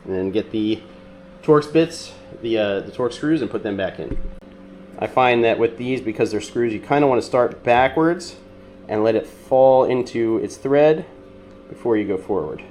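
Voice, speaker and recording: A man with a nasal, congested voice from being sick, calmly walking through a repair step by step with frequent ums and uhs. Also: on the low side, moderate pace, a little hiss or hum. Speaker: mechanic demonstrating a repair. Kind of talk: casual how-to demonstration.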